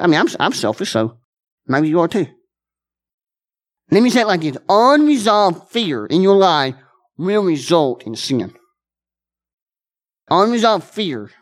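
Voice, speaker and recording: Earnest preacher, shifting pace. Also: male voice, a little high. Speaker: pastor. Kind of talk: conversational sermon. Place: church.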